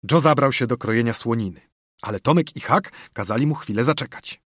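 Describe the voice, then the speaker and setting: A man narrating a story with expressive, storytelling delivery. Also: mid-range voice, fairly quick, slightly rough, no echo, studio quality. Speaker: audiobook narrator. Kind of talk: scripted narration.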